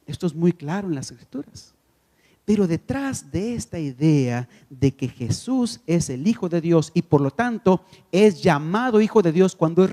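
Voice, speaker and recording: Man, conference speaker, Bible lecture, high voice, emphatic, rhetorical questions, long hall reverb. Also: darkish tone. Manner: asks the audience rhetorical questions and answers them; emphatic, repeats key phrases.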